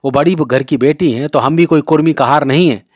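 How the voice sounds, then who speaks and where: A man voicing a hot-tempered young village man in a read-aloud story, gruff and taunting. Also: on the high side, brisk, darkish tone, no room sound, natural voice. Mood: complaining.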